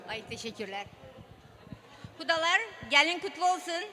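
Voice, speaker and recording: A woman's voice: extremely high pitch, lively intonation, moderate pace, pushed and bright, slight background noise. A woman speaking as a wedding guest, offering the couple an informal congratulatory toast. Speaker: wedding guest giving good wishes. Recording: reverberant hall.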